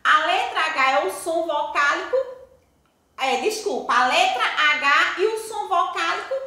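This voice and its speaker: With a Brazilian Portuguese accent, a woman teaches primary schoolers at a measured pace in an extremely high, sharp voice with lively intonation. Her recorded lesson patiently works through things step by step, posing rhetorical questions to the kids, and the room sounds echoey.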